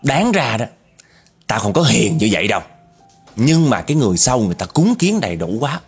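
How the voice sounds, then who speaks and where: A man's voice: mid-range voice, big pitch swings, fairly quick, breathy edge, faint music behind, exaggerated voice. Man voicing a gloating old house ghost. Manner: taunting, gloating. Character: old male house ghost, boastful and mocking.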